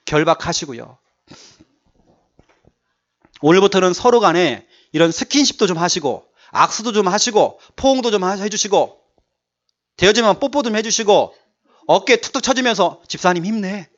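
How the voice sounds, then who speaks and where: A man's voice: high voice, expressive, normal speed, long pauses. A male pastor preaching a sermon, emphatic and repeating his key words to urge the congregation on. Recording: dull lo-fi church recording.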